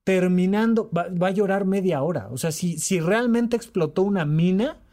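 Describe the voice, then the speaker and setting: High-voiced man, animated and emphatic. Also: normal speed. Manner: animated, repetitive, acts out quoted dialogue. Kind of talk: podcast talk on emotional health.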